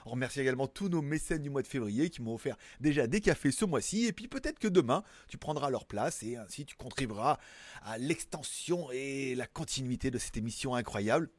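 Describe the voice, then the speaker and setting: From his home in Thailand, a YouTube tech news host talks casually to camera in a mid-range, expressive voice, going a little fast. He rambles and mocks himself, using many fillers, and the recording has no room sound.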